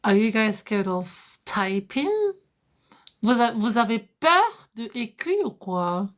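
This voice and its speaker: Slow-talking woman livestreaming from home. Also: fairly high pitch, animated. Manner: switches between English and French, repeats words, laughs often. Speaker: livestream host. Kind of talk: casual livestream chat. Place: home, at night.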